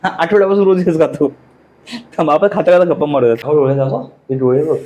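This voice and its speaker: A man's voice: fairly high pitch, a little fast, dark tone. A young man vlogging a casual family chat with his wife, chatty and teasing, often repeating his words. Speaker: vlogger husband.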